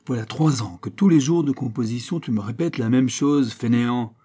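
Guy doing a raging old priest teacher, loud and booming, dark voice, audiobook. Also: unhurried, lightly acted. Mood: indignant. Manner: loud, shouting scolds, heavy emphasis. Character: furious old priest schoolmaster, booming, scolding.

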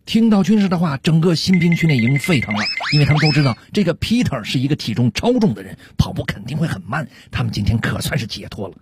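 A man narrating jokes as a radio comedy host in a brisk storytelling manner. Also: fairly high pitch, big pitch swings, husky, faint music behind. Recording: noisy radio recording.

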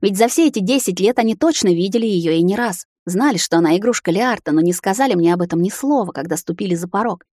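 A woman's voice: mid-range voice, expressive, fast talker, few pauses, a little mellow, no room sound, studio quality. A woman reading a romance fantasy novel aloud in a dramatic first-person narration. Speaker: audiobook narrator. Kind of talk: scripted narration.

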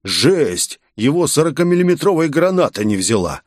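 A man doing a yelling, panicky young soldier. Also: a little high, very animated, normal speed, no room sound, clean studio sound, pitched above the performer's own voice.

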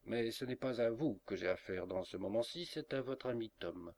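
A man's voice: mid-range voice, normal speed, a little mellow, lightly acted. A man voicing a bossy, jovial man who orders a bear around in a storybook reading. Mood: commanding. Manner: commanding, theatrical.

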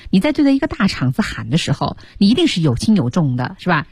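A woman co-hosting a radio English lesson, commenting in an animated, exclamatory way with rhetorical questions. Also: on the low side, fast, husky, dry recording. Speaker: radio co-host. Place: radio studio.

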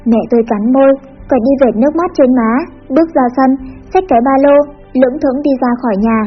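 A woman reading a teen story aloud with an even, expressive narration. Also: high voice, fast talker. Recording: dull lo-fi with faint music.

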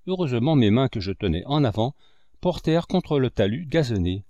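Expressive male audiobook narrator. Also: a little fast, no echo. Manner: expressive, with a wide pitch range.

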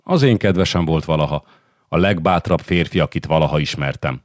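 A szultán kedves, titkolózó kedvenc felesége, egy férfi mesélő hangján, halkan, bizalmasan suttogva. Nagyon mély, száraz, közeli hang. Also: male voice, rumbling low, no echo, clean studio sound. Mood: confiding. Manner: hushed, confiding. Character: kind, secretive sultan's favourite wife.

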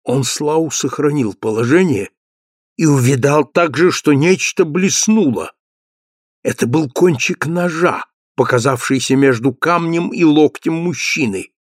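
Man reading an old novel audiobook, steady measured voice, kinda high, dry close sound. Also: no echo. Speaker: narrator.

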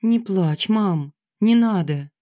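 A narrator voicing a distressed young daughter who pleads earnestly and gently with her mother, in an audiobook. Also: mid-range voice, animated, slow pace, pitched above the performer's own voice. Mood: pleading. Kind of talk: audiobook character reading.

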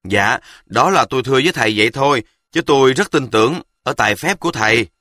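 A man's voice: medium pitch, animated, fast talker, bright, forceful tone, dry recording. A man voicing a humble, anxious rural mother who speaks deferentially.

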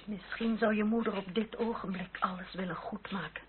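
In a tinny, noisy old radio play recording, an actress voices a middle-aged French aristocrat, anxious and motherly, pleading in a genteel, emotional period style. Her natural, medium-pitched voice keeps fairly even intonation at a moderate pace.

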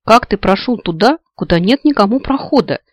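A man voicing a stern, haughty, ageless elf sovereign woman who gives commands and asks sharp questions. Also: high voice, animated, moderate pace, no echo, dull audio.

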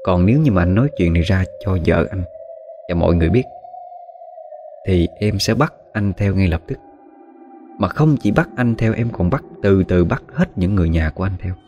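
A man voicing a young female ghost turned demon, who speaks to her victim in a soft, murmuring way. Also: low voice, lively intonation, normal speed, soft background music. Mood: threatening.

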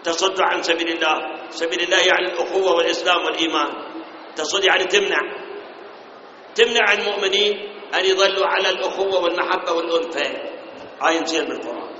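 A man's voice: high-pitched, fairly even intonation, fast, pauses often, pushed and bright, a little hiss or hum. A man with an Iraqi Arabic accent delivering a storytelling sermon as a preacher, asking rhetorical questions, explaining scripture phrase by phrase and at times slipping into a sung, chanting delivery. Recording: reverberant hall, slightly dull sound.

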